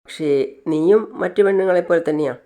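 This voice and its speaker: A man's voice: high-pitched, fast, lightly acted. A narrator retelling a TV serial scene, voicing Siddhu, an easygoing young man who teases and chuckles. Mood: teasing. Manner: relaxed, teasing, chuckling.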